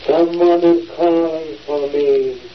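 An actor in a 1940s radio play, giving an eerie, drawn-out ghost voice through a megaphone. The recording is an old radio broadcast. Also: male voice, on the high side, fairly even intonation, highs cut off, faint music behind. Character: hollow, slow-speaking male ghost voice. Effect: spoken through a megaphone.

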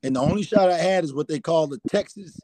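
A man's voice: a little high, fast, warm tone, no echo, rough recording. A middle-aged man telling rambling hunting anecdotes as a guest, often repeating "I said.". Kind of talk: storytelling anecdotes.

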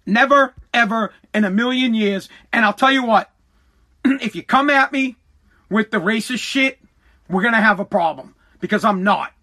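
This American podcast host from the United States has a high voice pushed bright and speaks at a normal pace. Alone on the mic, he rants opinionatedly, combative, emphatic, repetitive and profane.

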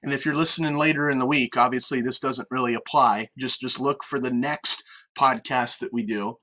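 A man's voice: mid-range voice, fairly even intonation, fairly quick, pushed and bright. An American man hosting a casual sports podcast, chatting conversationally over an online call. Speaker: podcast host with on-air experience. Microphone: online video meeting call.

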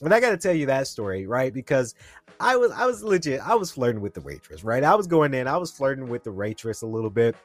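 A man in his twenties hosts a casual solo podcast, telling a rambling story and addressing his listeners directly in a chatty way. His medium-pitched voice is very animated and fast, with no room sound.

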